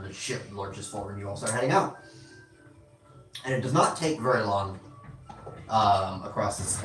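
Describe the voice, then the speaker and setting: A man's voice: fairly low pitch, a bit bright. A man running a tabletop game as game master, narrating in a meandering way with many fillers and restarts. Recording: echoey room, distant mic, faint hiss.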